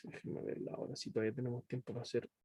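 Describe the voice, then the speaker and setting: A man's voice: medium pitch, little pitch movement, very fast, dark tone, husky, dry recording, clean studio sound. A man teaching a class over a video call, explaining patiently, often checking understanding and switching between two languages. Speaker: English teacher.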